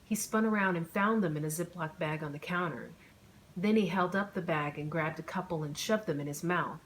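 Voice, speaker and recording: A woman narrating her own romance audiobook in a plain, even storytelling manner. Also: on the low side, brisk, slight background noise.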